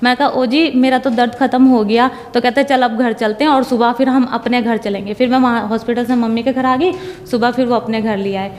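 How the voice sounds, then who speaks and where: A woman's voice: on the high side, fairly even intonation, brisk, in a large hall. A young woman giving a personal religious testimony in casual storytelling, retelling conversations line by line and quoting herself and others.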